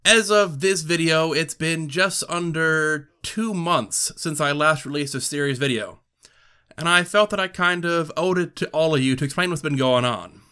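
A man who runs a gaming channel, speaking in a candid personal monologue, earnest and reflective with halting restarts. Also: a little high, pushed and bright, smooth. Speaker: gaming YouTuber.

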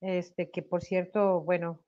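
Her voice sits lowish and she takes her time, while the webcam audio sounds dull. She is a singer with a Mexican Spanish accent, interviewed by video call from a room in her home. Despite a sore throat and a slight cough, she's animated, laughing and using tag questions.

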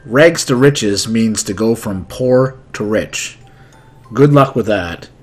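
This video host, a man in his thirties teaching English, performs conversational skits and breaks down idioms. His fairly low voice is slow and slightly rough, and faint music plays behind him.

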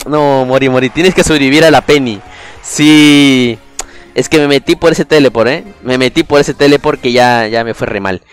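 A man streaming a video game, chatting casually with his viewers and breaking into excited exclamations. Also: mid-range voice, brisk, hardly any pauses, clear, resonant tone, soft background music. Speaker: gaming streamer. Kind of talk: casual livestream commentary.

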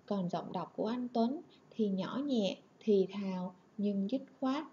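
Casting: clear, instructive female teacher talking to young pupils, lo-fi recording. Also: mid-range voice, slow pace. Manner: warm, clear and instructive, addressing children. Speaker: primary school teacher. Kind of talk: online lesson narration.

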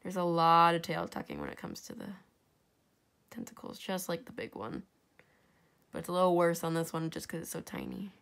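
A young woman, stuffy and congested with a sore throat, chats through a crafting tutorial on an overhead tabletop camera that shows just her hands. Her fairly low, fairly bright voice swoops wildly with vocal fry at a moderate pace, self-deprecating and often slipping into a whisper.

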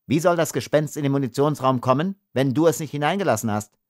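A man's voice: medium pitch, fast, dry recording, studio quality, pitched above the performer's own voice, lightly acted. A man reading an audiobook, voicing an arrogant army lieutenant who speaks with contempt. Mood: sneering. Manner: sneering, contemptuous.

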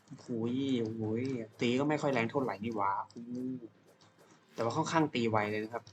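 Young man excitedly commentating gameplay. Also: mid-range voice, fairly quick, a little hiss or hum. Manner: excitable, shouts attack names and hums along during fights. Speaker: gamer commentating his own play. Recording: game music behind the voice.

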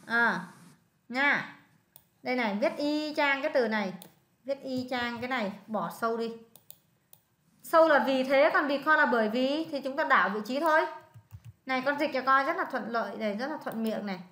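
A woman's voice: high-pitched, moderate pace, long pauses, fairly bright tone. A woman with a Vietnamese accent tutoring a student in English, coaxing and repeating the answers. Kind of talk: one-on-one tutoring session. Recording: echoey room.

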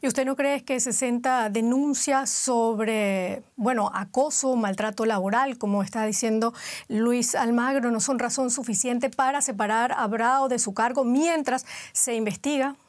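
A woman news host with a crisp, formal presenter's delivery. Her voice sits slightly high for a woman. The studio sound is close and dry, with no room echo. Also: steady tone, measured pace. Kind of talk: scripted news interview.

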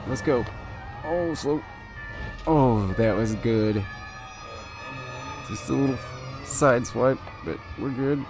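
Slow-talking anxious gamer man. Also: mid-range voice, over music. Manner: anxious, pleading, keeps urging the car on. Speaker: gaming video creator. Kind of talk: live gameplay commentary.

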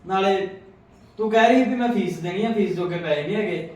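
A gentle, soothing son, acted by a man in a homemade drama. His voice sits higher than usual for a man. He is heard from some distance in a very echoey room. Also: a little fast, close to an everyday voice. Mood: kind. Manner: calm, soothing, gently pleading. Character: kind grown son defending the maid's daughter.

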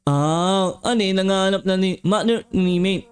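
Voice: medium pitch, moderate pace, clean tone, pitched below the performer's own voice, close to an everyday voice. A YouTuber voicing a grumpy giant talking bee whose speech comes out garbled and mumbled in a Minecraft role-play. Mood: grumbling.

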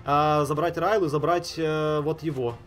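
A man's voice: on the high side, steady tone, a little slow. A man giving casual, slangy gameplay commentary, thinking aloud and repeating himself. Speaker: gaming streamer. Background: game music.

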